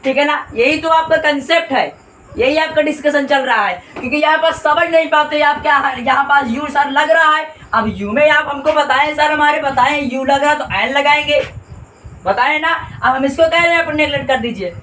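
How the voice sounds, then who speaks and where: A male grammar teacher with a very high-pitched, sharp voice explains a classroom lesson at a moderate pace, repeating points and constantly quizzing listeners with questions. The echoey room and distant mic carry slight background noise.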